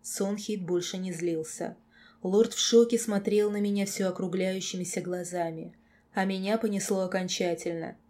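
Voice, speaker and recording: A woman reading a first-person novel aloud as audiobook narrator, in an expressive, emotional way. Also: medium pitch, normal speed.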